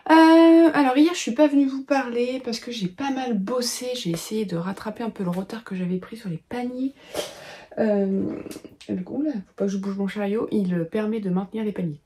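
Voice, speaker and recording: A woman's voice: fairly high pitch, moderate pace, dark tone. A woman in her thirties chatting casually to camera at home, thinking aloud with lots of filler sounds. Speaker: knitting vlogger and pattern designer. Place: home at a desk, lit by a lamp.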